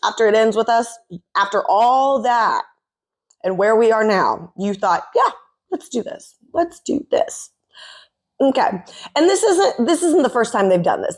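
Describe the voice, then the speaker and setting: A woman giving opinionated commentary, exasperated and sarcastic. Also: fairly high pitch. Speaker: commentary vlogger.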